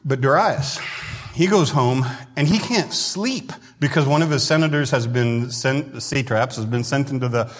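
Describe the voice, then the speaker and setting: A man preaching a sermon in a conversational way who often clears his throat, in a church hall. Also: mid-range voice, moderate pace. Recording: long hall reverb.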